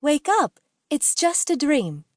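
A woman's voice: sits high, very animated, moderate pace, no echo, clean studio sound, pitched above the performer's own voice. A woman narrator voicing a caring young mother who comforts and scolds her son. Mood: scolding. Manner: tender but sharp when scolding.

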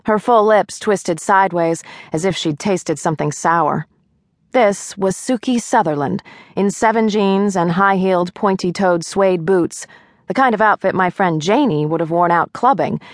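A woman's voice: lowish voice, no echo, clean studio sound. A woman narrating a novel in the first person, with wry, lightly comic storytelling. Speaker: audiobook narrator.

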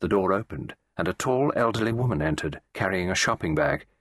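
A man reading a classic mystery as an audiobook narrator, measured and expressive. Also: low voice, no room sound, clean studio sound.

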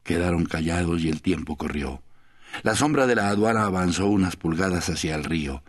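A man with a very deep, husky voice reads a literary novel aloud. His narration is measured and calm, carried by a low, grainy tone. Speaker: audiobook narrator.

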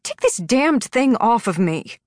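A woman narrator voicing a furious young female wolf shifter who shouts threats at her captor. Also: a little high, very animated, unhurried, dry recording, studio quality, pitched above the performer's own voice.

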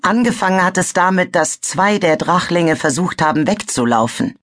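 A woman's voice: lowish voice, lively intonation, moderate pace, pitched above the performer's own voice. A woman voicing a nervous, stammering male dragon in a storybook reading. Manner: stammering, hesitant.

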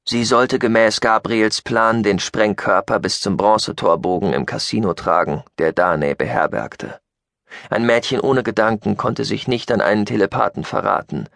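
Guy narrating a sci-fi audiobook, lively expressive reading, dry close mic. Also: on the low side, gravelly, dry recording.

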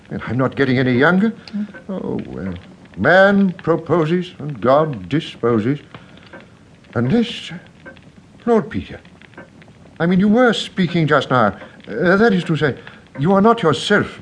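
In a radio drama, an actor plays a kindly, absent-minded older English country rector who is fussy and effusive, often hesitating and repeating himself. The male voice sits a little high and sounds hopeful and pleading, with slight background noise.

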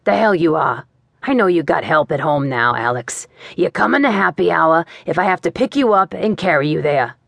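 A woman voicing a loud, bossy male boss with a thick Boston accent in an audiobook. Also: expressive, moderate pace, creaky, no room sound, clean studio sound, full character voice. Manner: booming, bossy. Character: booming middle-aged male Boston boss.

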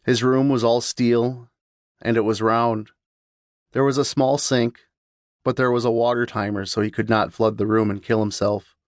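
A man reading a horror audiobook as narrator, in measured, even storytelling. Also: medium pitch, dry recording, clean studio sound.

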